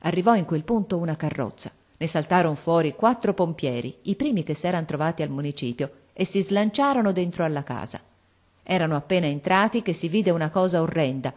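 Audiobook narrator, woman, lower register, measured expressive storytelling. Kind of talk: scripted literary narration.

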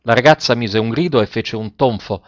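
A man narrating a dramatic story aloud, raising his voice sharply for shouted lines and slowing down for solemn ones. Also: mid-range voice, no echo. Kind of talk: dramatic audiobook reading. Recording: dull, dry, muffled recording.

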